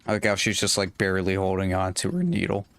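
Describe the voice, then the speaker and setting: A young man giving relaxed, casual commentary while playing a video game, talking to himself and his viewers. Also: low voice, quick pace, vocal fry, background noise. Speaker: gameplay streamer. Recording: faint game music behind. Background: faint game music.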